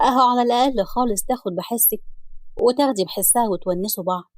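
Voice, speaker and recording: Woman doing a fed-up egyptian husband, lower and darker, fast talker, storybook voice. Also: no echo, lightly acted. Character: frustrated middle-aged husband, torn between family.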